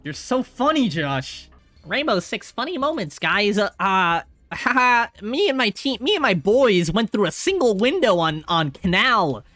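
A man's voice: high-pitched, very animated, measured pace, pushed and bright, faint music behind. A young man hosting a casual gaming voice chat, jumpy, laughing often, with frequent startled exclamations. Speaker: gaming channel host.

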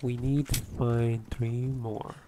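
A woman plays through a game and talks along as she goes. Her voice is remarkably deep for a woman. She narrates her moves casually and laughs easily. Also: flat delivery, takes it slowly, noisy background. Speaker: gamer. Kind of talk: casual gaming chat.

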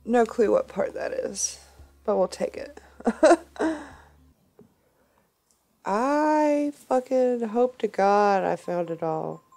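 A woman's voice: fairly high pitch, very slow, pauses often, dark tone. A woman streamer giving playful, casual commentary on a game she is playing, with gasps, silly asides and the odd swear word. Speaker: gaming streamer.

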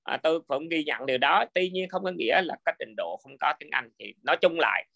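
Man, gravelly, forceful, hesitant talk, political chat. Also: fairly high pitch, fast talker. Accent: Vietnamese-American. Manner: hesitant, many fillers and restarts.

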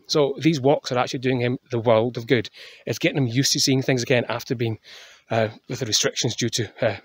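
A man's voice: mid-range voice, no echo. A man, out of breath, filming a rambling off-the-cuff vlog on his phone while walking outdoors. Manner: rambling, many filler "uh"s. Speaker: falconer, channel host. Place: outdoors on a hill walk. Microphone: phone camera.

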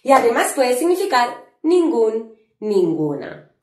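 A woman's voice: a little high, big pitch swings, a little slow, reverberant. A woman teaching an English grammar lesson online, explaining patiently and stretching out her example words.

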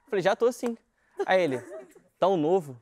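A man's voice: high voice, lively intonation, a little fast, a little mellow. A young man from Brazil with a Rio de Janeiro accent, a guest telling a story in casual, slangy chat and laughing as he goes. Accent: Rio de Janeiro Portuguese. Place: TV studio.

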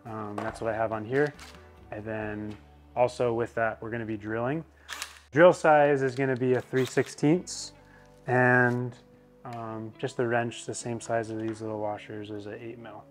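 A young man walking through an installation step by step in a relaxed, explanatory way with frequent fillers, recorded in an indoor garage. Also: medium pitch, measured pace, faint music behind. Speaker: product installer. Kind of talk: casual how-to walkthrough.

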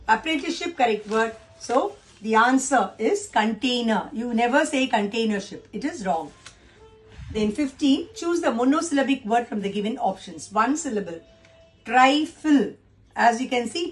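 A woman teacher, going through exam answers step by step and posing questions to her students. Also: on the high side. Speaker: English teacher. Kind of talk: exam answer-key lesson.

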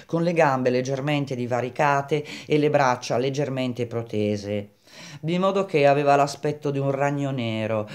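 A man narrating a novel in a measured, even way. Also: medium pitch. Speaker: audiobook reader. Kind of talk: novel reading.

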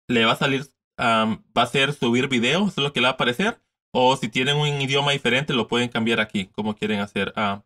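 Sitting at his desk, a tutorial host in his thirties walks viewers through a screen process step by step in a relaxed way, going over steps again and slipping in English words. He has a sharp-toned, medium-pitched voice.

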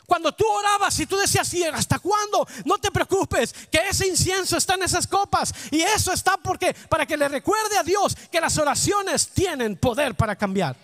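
High, bright-voiced preaching pastor. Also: male voice, lively intonation, moderate pace, few pauses. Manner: passionate, often shouting, addresses listeners as brother and sister. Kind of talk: preaching a sermon.

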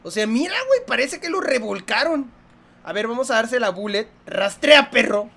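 A young man with a Mexican accent, commenting on a horror game in a joking, profane, excitable way. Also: very high voice, normal speed, creaky. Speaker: gaming youtuber.

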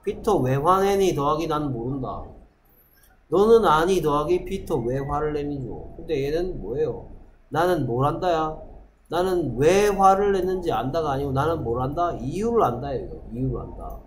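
A man's voice: a little high, animated, a little hiss or hum, rough recording. A male English teacher giving a classroom grammar lesson, asking questions and answering them himself. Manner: reads English sentences slowly.

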